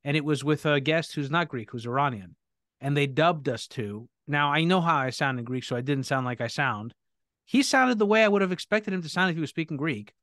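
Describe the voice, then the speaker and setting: In clean studio sound without echo, a man with a fairly high, brisk voice hosts a live podcast Q&A. He speaks energetically, frequently restarting his sentences to correct himself.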